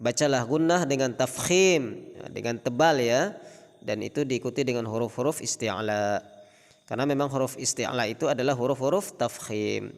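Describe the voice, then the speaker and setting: A man teaching a Quran recitation lesson on tajwid rules, explaining slowly and pronouncing Arabic examples in a raised, drawn-out recitation tone. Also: big-room sound. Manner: slow, deliberate, models Arabic examples in a raised chanting pitch.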